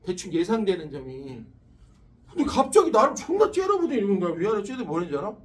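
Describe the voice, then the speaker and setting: A man's voice: sits high, quick pace, recorded from a distance. A man teaching a physics class, talking animatedly with crude slang and telling stories between the lessons. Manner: animated, crude slang, acts out quoted voices. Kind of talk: classroom lecture with storytelling.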